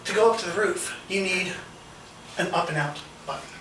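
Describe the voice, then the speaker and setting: A man's voice: high voice, normal speed. A man filming and explaining an elevator ride in an eager, pointing-things-out way, speaking into a handheld camera inside a small cab. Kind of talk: casual guided walkthrough. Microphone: handheld camera mic. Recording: roomy, distant, loud background noise.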